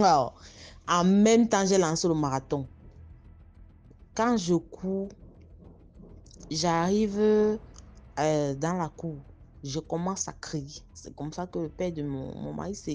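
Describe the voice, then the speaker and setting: A woman's voice: low voice, darkish tone. A woman telling her own story casually, speaking straight to her listeners and painting vivid pictures. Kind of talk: casual first-person storytelling.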